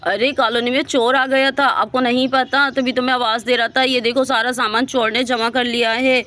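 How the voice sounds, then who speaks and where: A woman voicing an alert, brave male neighbor in a doll story, talking loudly and excitedly. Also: a little high, normal speed. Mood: explaining. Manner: shouting alarm, excited.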